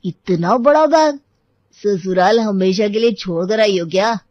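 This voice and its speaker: A woman's voice: mid-range voice, measured pace, a little mellow, dry recording, dull audio, natural voice. A woman doing a cheeky young brother. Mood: teasing. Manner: teasing, playful. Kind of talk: storybook voice acting.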